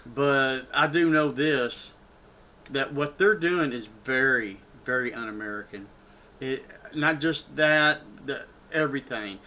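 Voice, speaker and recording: Speaking slowly in a medium-pitched voice, this older man from Texas sounds bright and forceful. He's a political vlogger delivering an unscripted, heated rant on his channel, rambling along with frequent restarts and side comments.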